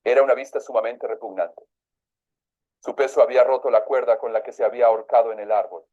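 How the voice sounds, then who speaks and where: A man reading a religious passage aloud as a sermon, pausing now and then to comment in his own words. His voice is dark and mellow, and the recording sounds a little dull and lo-fi. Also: mid-range voice, steady tone. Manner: reads aloud, breaks off to comment. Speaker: preacher.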